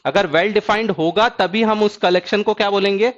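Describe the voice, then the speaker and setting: A man teaching an exam-prep math lecture who keeps asking students if the point is clear and drawls key terms slowly. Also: high-pitched, dull audio. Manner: asks students check questions.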